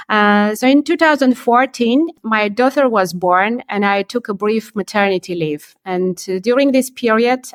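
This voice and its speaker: Woman, measured and thoughtful. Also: mid-range voice, no echo. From Armenia. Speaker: podcast guest, company CEO. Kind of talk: remote podcast interview.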